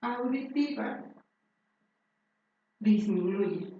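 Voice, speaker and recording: A woman giving a university lecture, speaking slowly and deliberately with many fillers and restarts. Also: medium pitch, animated. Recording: very echoey room, distant and dull.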